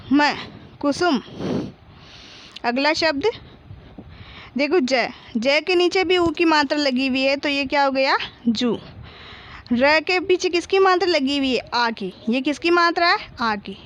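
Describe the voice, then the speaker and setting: A woman's voice: sits high, a bit bright. A woman teaching a children's Hindi reading lesson, patiently spelling out each syllable and blending them into words.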